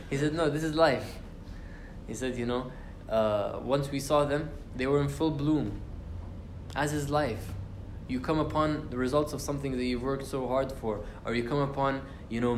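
At medium pitch and a moderate pace, a young Quran study teacher holds an informal class in a university lecture room. He speaks casually with fillers and restarts and recites Arabic verses, and the sound is roomy with slight background noise.

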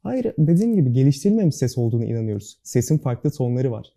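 A man's voice: mid-range voice, very animated, quick pace, gravelly, dark tone. A young man answering interview questions as a student club guest, speaking with careful, precise diction in an earnest, formal manner. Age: young adult.

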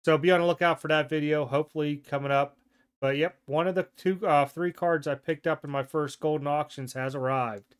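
A man with a fairly high, clear and resonant voice talks briskly as he presents trading cards from his mail in a casual vlog. He's a sports card collector seated at an indoor home desk with card displays, relaxed and chatty, reasoning aloud and correcting himself now and then.

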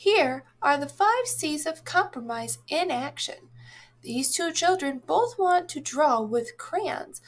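A woman reading a children's storybook aloud in an expressive, deliberate way for young listeners. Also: high voice. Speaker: read-aloud narrator, teacher.

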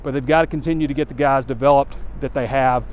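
His voice is mid-range and a little mellow, with fairly even intonation and a fast delivery. The man, a sports site publisher in his forties, rambles candidly about sports with fillers while walking a campus street near a stadium, filming on a phone held close. Faint outdoor street noise runs underneath.

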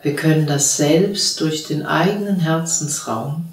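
A woman, a spiritual teacher, gently guiding a seated group through a meditation with calm, unhurried instructions. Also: low voice. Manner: slow, calm spoken instructions with long pauses. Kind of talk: guided meditation. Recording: roomy sound from a distant mic.

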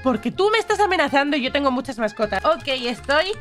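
A young woman from Spain with a Spanish accent, commenting a game on her channel in an animated, sarcastic, playfully dramatic way. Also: sits high, fast talker, faint music behind. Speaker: gaming youtuber. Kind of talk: casual gameplay commentary.

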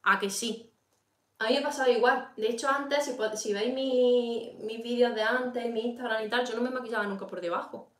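A woman's voice: a little high, fairly even intonation, moderate pace. A woman with a Peninsular Spanish accent, hosting a casual makeup tutorial livestream. She talks straight to her viewers and answers their comments as she works. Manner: chatty, addresses viewers directly, reads and answers comments. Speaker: beauty livestream host. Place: home room during a livestream. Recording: echoey room.

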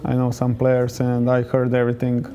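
A man in his twenties with a Serbian accent, a football player answering interview questions in short, halting phrases. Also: medium pitch, completely flat delivery, dark tone, slight background noise. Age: 20s. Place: hotel lobby, indoors. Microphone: lapel.

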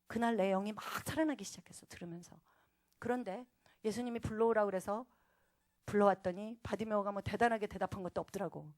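A woman pastor giving a testimony sermon in a casual, talkative way. She swings between hushed and loud delivery and laughs wryly at herself. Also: mid-range voice, steady tone, fast. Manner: laughs at herself, wry and self-mocking; casual, talkative address to a younger audience.

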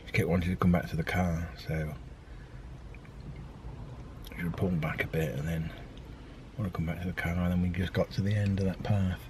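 Holding a camera at arm's length, a man in his thirties records a casual daily vlog that moves from a park to a car to his home. His low voice has little pitch movement, and he talks at a moderate pace, pausing often and rambling hesitantly with plenty of ums. The background is noisy.

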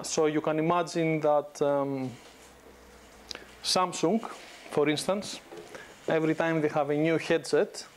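A Greek man in his thirties, a guest lecturer, gives an informal business lecture to a university class, relaxed and conversational with frequent restarts and fillers. His voice is slightly high for a man, and a lapel mic captures him close and clear in the classroom, with slight background noise.

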